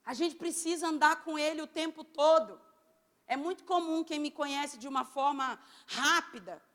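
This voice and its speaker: A woman preaching a sermon, loud and very expressive. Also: sits high, moderate pace, in a large hall. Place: church.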